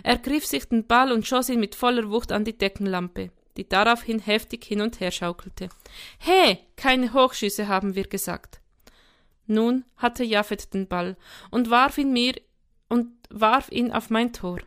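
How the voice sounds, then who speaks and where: A woman reading a first-person story aloud in a lively, expressive way. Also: on the high side, moderate pace. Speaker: audiobook reader. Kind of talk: first-person scripted narration.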